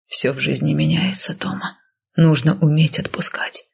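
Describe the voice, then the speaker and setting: A woman voicing a stern but tender northern man, in whispered role-play with a low, husky whisper. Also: fairly even intonation, a little slow, full character voice. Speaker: male character voiced by narrator.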